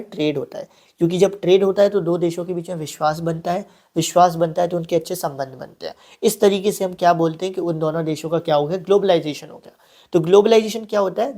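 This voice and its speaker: Young man with a mellow, chatty lecturing voice. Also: a little high. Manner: chatty, mixes English terms, frequent asides and "ठीक है". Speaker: online teacher. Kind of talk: casual exam-prep lecture.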